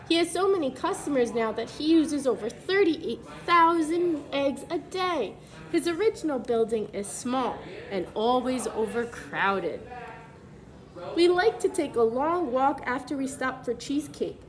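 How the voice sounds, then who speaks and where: With a high, animated voice, a woman reads a picture book to young children, pausing now and then to give simple explanations like a preschool teacher.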